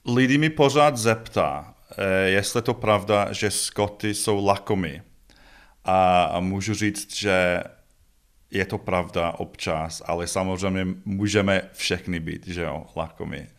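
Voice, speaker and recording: Low-voiced Scottish man in an interview. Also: steady tone. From Scotland. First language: English. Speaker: interview guest, festival organiser. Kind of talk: conversational interview.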